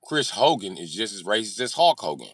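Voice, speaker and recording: His voice sits on the low side and is sing-song, fairly quick, fairly bright and a little breathy. The man is hosting a livestream, reading and answering comments with brash jokes, slang and lots of swearing. The audio has no echo.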